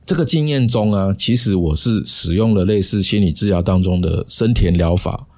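A man hosting a casual solo podcast, chatty and sprinkled with drawn-out particles. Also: low-pitched. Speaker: podcast host.

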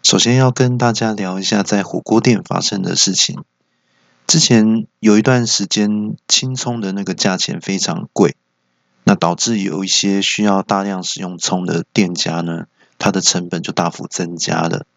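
Gravelly comic storyteller. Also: male voice, deep voice, steady tone, moderate pace, no room sound. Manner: easygoing joke-telling narration. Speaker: podcast host.

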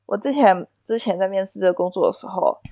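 A woman co-hosting a podcast, telling stories in a casual, animated way and laughing often. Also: mid-range voice, fast talker, dry recording, studio quality. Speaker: podcast co-host. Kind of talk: casual chat.

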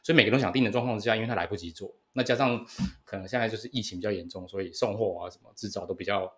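A male podcast co-host in his thirties with a Taiwanese Mandarin accent. He talks very fast in a fairly low voice, bantering casually. He repeats phrases and often tags on questions to get agreement. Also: a bit bright.

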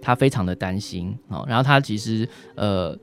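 As a guest on the radio, a doctor with a Taiwanese accent fields questions in a conversational way, tagging short particles onto the ends of phrases. His voice is on the low side and clean-toned, at normal speed.

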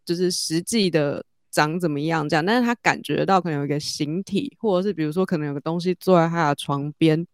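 A woman, telling a story in casual chat and growing animated as she goes. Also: fast, hardly any pauses, no room sound, clean studio sound. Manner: animated, rises high when excited.

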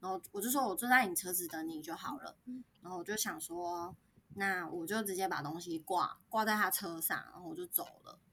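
A woman speaking Mandarin with a Taiwanese accent, gently telling a personal story in a casual podcast chat, with soft pauses and many fillers. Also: lowish voice, animated, a little hiss or hum. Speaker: podcast co-host.

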